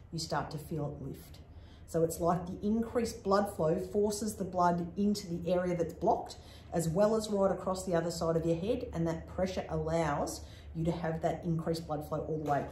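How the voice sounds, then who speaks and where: A woman's voice: on the low side, a little mellow. A woman chiropractor giving a casual, step-by-step demonstration, chatty and practical. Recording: echoey room, faint background noise.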